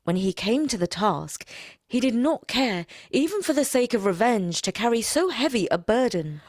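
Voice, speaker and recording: A woman reads a children's tale aloud, playful and expressive. Her voice swoops up and down as she builds the story. The recording is dry and close, with no room sound. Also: on the high side, normal speed, dry recording. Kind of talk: scripted storybook narration.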